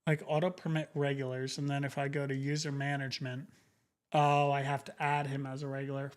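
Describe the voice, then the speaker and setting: A man's voice: mid-range voice, completely flat delivery, a little fast. A man chatting casually as a livestreamer, informal and profane, often muttering to himself. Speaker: streamer.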